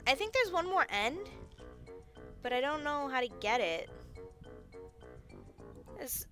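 A woman's voice: high voice, big pitch swings, takes it slowly, a bit bright, soft background music. A young woman playing a video game, talking to herself in an unsure, muttering way as casual commentary. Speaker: game streamer. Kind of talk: casual let's-play commentary.

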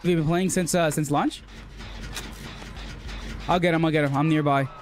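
A man's voice: on the high side, steady tone, normal speed, slight background noise. A man streaming a game, giving casual callouts to teammates.

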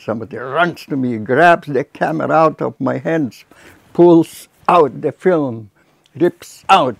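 A man in his nineties from Lithuania with a Lithuanian accent, telling his life story haltingly with many restarts, seated in a cluttered workshop. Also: medium pitch, creaky, dry recording. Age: 90s. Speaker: filmmaker recounting his life. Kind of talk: reflective storytelling. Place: cluttered workshop indoors, small room.

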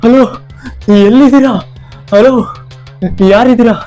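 Guy playing a lost freaked out dude, high voice, mellow, keeps asking where he is. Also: fairly even intonation, moderate pace, muffled recording, soft background music. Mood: panicked. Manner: frightened, pleading. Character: lost young man trapped, panicked.

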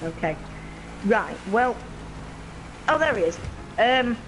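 A man's voice: very high voice, very animated, takes it slowly, over music, rough recording. A man hosting a gaming channel, chatting casually through gameplay with the hiccups and rambling a little. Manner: chatty, rambling, slightly scattered. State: has the hiccups.

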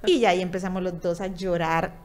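A woman's voice: fairly low pitch, steady tone, fairly quick, a little mellow. A woman in her thirties with a Costa Rican accent, a guest in an interview, telling a personal story and acting out the dialogue in it. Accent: Costa Rican Spanish. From Costa Rica.

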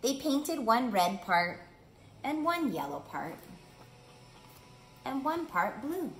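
A middle-aged woman with a high, very animated, fairly bright voice reads a picture book at storytime for young children. Teaching at a children's art studio, she speaks slowly, keeps her phrasing simple and clear, and questions the kids as she goes. Echo fills the small indoor room, and background noise is clear.

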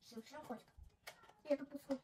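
A child showing a toy collection in a casual home video, talking haltingly and repeating short phrases while demonstrating. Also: high voice, fairly even intonation. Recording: echoey room, loud background noise.

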